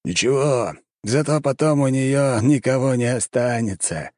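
A man's voice: mid-range voice, expressive, measured pace, a little mellow, no echo, studio quality, voice pushed up, natural voice. A man voicing a smug general who talks in a mocking way. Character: smug sneering male general.

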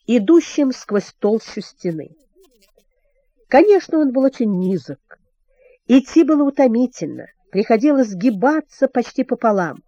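A woman's voice: on the high side, dark tone, no echo. Woman narrator, storybook reading, dry close sound, slightly dull recording. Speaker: audiobook narrator.

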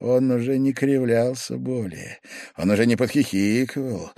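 A man narrating a classic novel, reading in a lively, expressive way. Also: medium pitch, normal speed, dry recording. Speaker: audiobook narrator. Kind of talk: scripted literary narration.

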